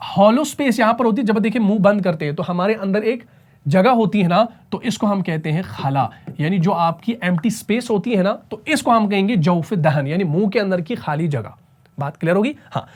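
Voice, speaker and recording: A man teaching Quran recitation rules in a slow, deliberate way. He keeps checking that his students follow and demonstrates long, drawn-out recited vowels. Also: sits high. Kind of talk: tajweed lesson explanation.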